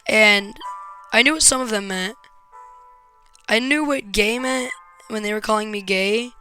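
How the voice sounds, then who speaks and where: Bright-voiced woman telling her story. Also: mid-range voice, soft background music. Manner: frank and raw, hesitant pauses, swears when upset. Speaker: vlogger. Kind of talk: personal storytelling to camera.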